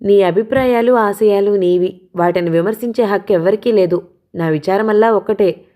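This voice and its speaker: A restrained older brother speaks in a measured, grave way, as a woman narrating a novel reads him. The tone is warm and mellow, and the delivery stays steady and serious. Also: medium pitch, lightly acted. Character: older brother, calm, hurt, restrained man.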